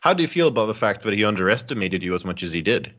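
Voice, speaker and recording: A male sports interviewer with a lowish, bright and forceful voice. He phrases conversational questions fluently, over slightly dull audio. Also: big pitch swings, rapid-fire. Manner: fluent, articulate. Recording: dull, band-limited audio.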